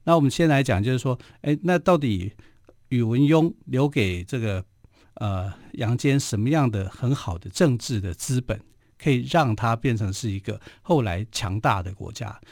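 A man with a Taiwanese Mandarin accent hosts a radio history program, speaking in a loose storytelling way that is dotted with little filler particles. His voice sits at a middling pitch. The studio sound is dry and close. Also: moderate pace, a little mellow, no echo. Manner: chatty, frequent filler particles.

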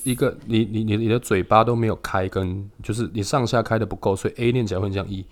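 A man teaching English pronunciation on a podcast, patiently drilling sounds slowly and repeating them. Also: on the low side, fairly even intonation.

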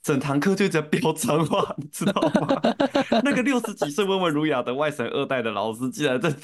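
A man's voice: on the high side, a little fast. A man with a Taiwanese Mandarin accent, co-hosting a podcast and telling school stories in casual chat, laughing often. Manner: animated, laughing storyteller. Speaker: podcast co-host.

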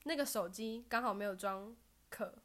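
A young woman, a podcast guest telling funny stories of her bad luck in a casual, animated chat. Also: mid-range voice, moderate pace. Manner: animated storytelling, bursts of laughter and loud self-cheers.

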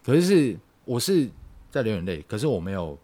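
A young man, telling a personal story on a podcast in a halting, reflective way. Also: mid-range voice, very animated, warm tone. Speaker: podcast co-host. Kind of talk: casual podcast chat.

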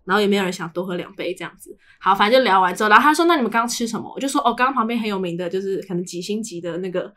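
A young adult woman with a Taiwanese Mandarin accent co-hosts a podcast in a mid-range, fairly bright voice, racing along with few pauses. She chats casually and tells stories, acting out the dialogue.

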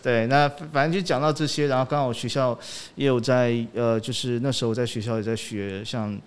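Man, 40s, interview guest, halting speech, frequent affirmations, English words mixed in. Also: mid-range voice, steady tone, clear, resonant tone. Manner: halting, repeats 对 often, drops English words. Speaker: sound director guest. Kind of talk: casual interview chat.

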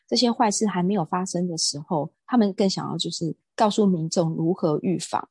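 Woman guest, emphatic storyteller, breathy and close, dry room. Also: fairly low pitch, fairly quick, a little mellow, dry recording. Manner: earnest, emphatic storytelling with hesitations. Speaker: guest speaker on sexual assault prevention. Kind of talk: casual conversational interview.

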